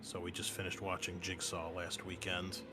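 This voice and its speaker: In a noisy home podcast recording with clear ambient noise and music behind him, a game master opens his tabletop gaming show with informal, enthusiastic chat with his players. His voice is deep and monotone, at a moderate pace.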